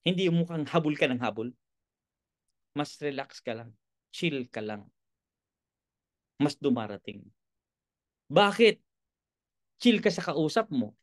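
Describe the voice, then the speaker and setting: A man's voice: fairly high pitch, a little slow, pauses often, dry recording, clean studio sound. A man giving a motivational sales seminar, joking with the room and asking one rhetorical question after another. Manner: lively, joking, keeps asking "bakit?" and "di ba?"; jumps between loud lines and quiet asides. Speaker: business trainer.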